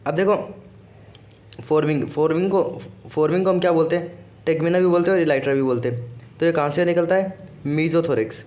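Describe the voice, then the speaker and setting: A man's voice: a little high, a little fast, darkish tone. A man teaching a biology lesson for exam prep, who keeps repeating "okay" and asks himself questions before answering them.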